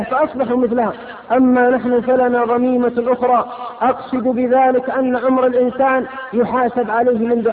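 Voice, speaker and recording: A man delivers a fiery sermon in a very high, piercing voice. He rushes through rhetorical questions and scolding lines at a brisk pace. The recording is thin and phone-like, with a long hall reverb trailing behind him. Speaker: preacher.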